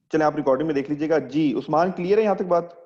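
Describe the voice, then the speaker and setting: A man's voice: fairly high pitch, darkish tone, highs cut off. A man teaching an English class online, explaining step by step and quizzing his students as he goes.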